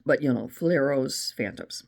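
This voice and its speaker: Low-voiced chatty woman host. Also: lively intonation, a little slow, gravelly, darkish tone, slightly rough. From United States. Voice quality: meandering, with frequent restarts. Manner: chatty, opinionated. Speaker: channel host. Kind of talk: casual monologue.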